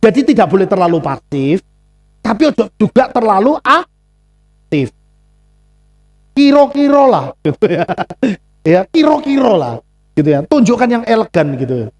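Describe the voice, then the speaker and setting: Male pastor, Javanese accent, lively sermon delivery, pitch swinging widely. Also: measured pace, pauses often. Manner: animated, acts out dialogues with Javanese asides. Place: congregation church.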